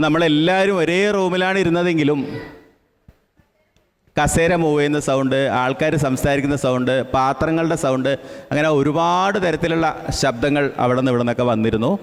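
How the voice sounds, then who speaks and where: A man running an interactive session for a children's camp. He echoes each child's answer back, encourages them and mixes English phrases into his speech. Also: a little high. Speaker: camp trainer. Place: large indoor hall with an audience. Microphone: handheld microphone. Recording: long reverb of a large hall.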